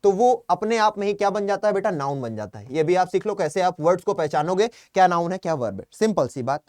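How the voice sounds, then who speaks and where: A young man teaches an online English vocabulary class in a chatty Hindi-accented voice that sits high. He keeps asking his own questions and answering them, and calls his students "beta". The sound is dry and close. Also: animated, a little fast, a little mellow, dry recording. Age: young adult. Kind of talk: online exam-prep class.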